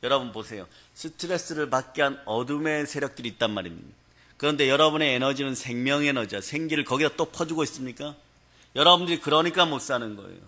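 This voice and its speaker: Bright-voiced pastor preaching a revival sermon. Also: male voice, medium pitch, expressive, quick pace. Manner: storytelling, often asking the congregation for a response. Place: prayer hall.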